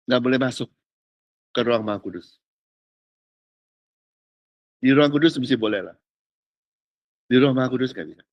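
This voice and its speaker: A man's voice: medium pitch, moderate pace, long pauses, muffled recording. A male pastor preaching casually, with slang and rhetorical questions, slipping in English phrases. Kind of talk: sermon.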